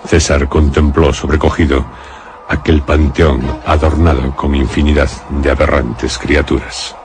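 Against a noisy background, a man with a Spanish accent from Spain narrates a scripted radio suspense story. His extremely low voice barely moves in pitch, and his delivery is solemn, dramatic and deliberately phrased.

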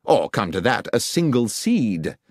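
Holmes, a man voicing a crisp detective. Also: on the low side, very animated, no echo, clean studio sound. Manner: precise, measured and authoritative. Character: sharp, commanding male detective, middle-aged.

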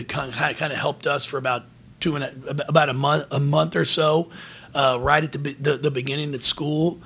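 A basketball head coach in his forties answers questions at a post-game press conference, seated at a table microphone in a press room before a team backdrop. He is earnest and halting, often restarting his words, in a medium-pitched, gravelly, husky voice with a fairly bright tone.

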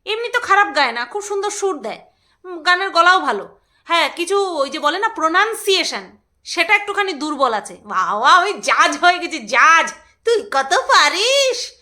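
A woman's voice: very high voice, animated, moderate pace, sharp tone. A woman vlogging in a casual, rambling chat, laughing often and breaking into song. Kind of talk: casual chat with snatches of singing.

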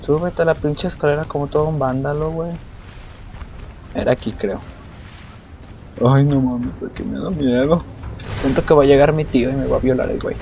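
A man's voice: a little high, fairly even intonation, fairly quick, long pauses, warm tone. Mexican guy swearing nonstop while he plays, just chatting, faint hiss. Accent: Mexican Spanish. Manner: crude, profane, joking banter. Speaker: gamer streamer. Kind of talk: let's-play commentary.

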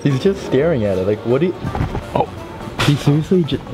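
A young man in a casual, excited prank-vlog chat. His voice is fairly high and very lively in pitch. He is outdoors by the camera, with loud music behind him. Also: fairly quick. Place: outdoors in a backyard by a pool. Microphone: handheld camera.

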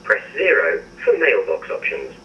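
A man's voice: fairly low pitch, huge pitch swings. An automated male voice reading voicemail menu prompts, heard over a landline phone. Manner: measured, recorded menu announcements. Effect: heard over a landline phone handset. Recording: muffled, distant landline phone audio with faint hiss.

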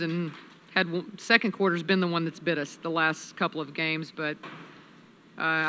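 Woman coach, bright steady voice. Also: low voice, slight background noise. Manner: measured, analytical, many restarts. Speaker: head coach. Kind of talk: postgame press conference. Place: press room with sponsor backdrop. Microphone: table mic on a stand.

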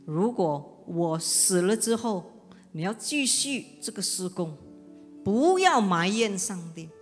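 A woman's voice: mid-range voice, lively intonation, slow pace. A woman voicing her dying husband in a testimony sermon, tender and pleading, at times crying out. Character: dying husband, gentle then overjoyed. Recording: long hall reverb with soft music.

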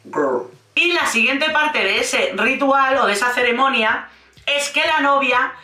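A woman's voice: sits high, expressive, unhurried, sharp tone. A woman with a Spain Spanish accent giving casual, sarcastic commentary on a reality show, swearing freely and acting out the lines she quotes. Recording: roomy echo, a bit distant from the mic.

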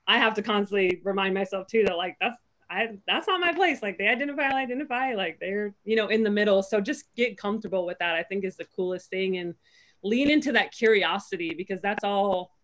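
A woman's voice: mid-range voice, brisk, a bit bright. A young woman with a mid-range voice talks earnestly on a video call from home, thinking aloud through her points. She peppers her speech with "like" and slips into short playful voices when quoting her own thoughts. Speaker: panelist, pro basketball player. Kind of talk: panel discussion on a video call. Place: home room. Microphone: video call, laptop webcam.

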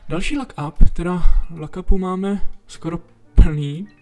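A man giving relaxed let's play commentary, chatting to himself and to the enemies as he plays. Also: high voice. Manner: chatty, talks to himself and to enemies while playing. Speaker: gameplay commentator. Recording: faint background game music. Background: game music.

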